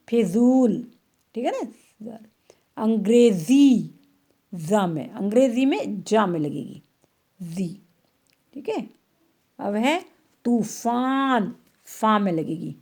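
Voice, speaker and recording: A woman's voice: medium pitch, a little mellow. A woman teacher giving an online class, patiently repeating words and checking that pupils follow.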